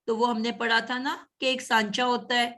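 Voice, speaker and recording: A woman's voice: on the high side, little pitch movement, bright, forceful tone. Patient woman teaching grammar. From Pakistan. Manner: patient, corrective, repeats sounds slowly. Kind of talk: online class, correcting pronunciation.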